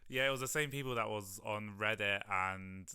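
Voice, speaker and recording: A man's voice: on the low side, normal speed, sharp tone, clean tone, dry recording, studio quality. A man interviewing a musician in a casual, playful way, with teasing asides.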